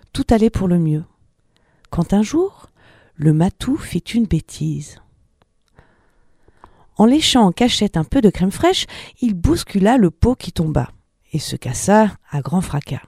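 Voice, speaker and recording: A woman reading a fairy tale aloud in a gentle storytelling manner. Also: on the low side, dry recording, studio quality.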